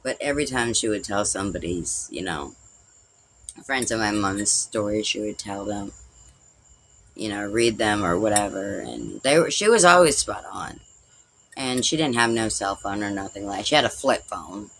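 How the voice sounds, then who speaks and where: A man's voice: fairly low pitch, lively intonation, moderate pace, a bit bright, slight background noise, low-quality recording. A man on a livestream shares a personal story in a casual, rambling way. He swears freely and keeps filling gaps with "like" and "you know." Faint crickets and insects chirp behind him. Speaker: livestream host.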